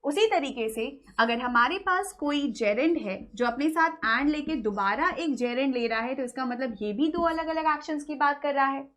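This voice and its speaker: A woman teaching English grammar in an online lecture, explaining in Hindi mixed with English, asking questions and answering them herself, and slowing down to read example sentences. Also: high-pitched, fairly bright tone.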